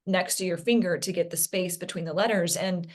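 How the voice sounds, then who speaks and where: A woman speaking as an interview guest, a parent recounting her son's health journey in an earnest, halting way with frequent restarts. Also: fairly low pitch, fairly even intonation. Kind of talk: candid interview conversation.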